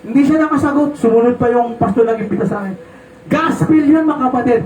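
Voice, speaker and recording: High-voiced preacher in an echoey room. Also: male voice, fast, slight background noise. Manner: animated, swings from low storytelling to loud exclamations. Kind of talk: sermon. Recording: echoey room, mic from a distance.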